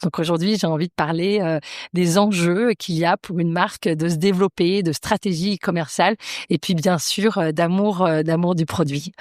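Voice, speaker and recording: A podcast host with a Belgian French accent talks in a friendly, halting way, with lots of fillers. Her voice sits a little low. It is recorded close and dry. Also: steady tone, a little mellow, no room sound. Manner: friendly, hesitant with many fillers. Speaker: podcast host and business coach. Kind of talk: casual interview chat.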